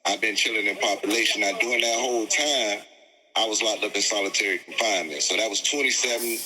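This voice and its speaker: Man in his forties, low voice, bright tense tone, long reverb. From Miami, Florida. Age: 40s. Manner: measured, halting, searches for words. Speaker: interview guest, incarcerated man. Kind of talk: conversational interview.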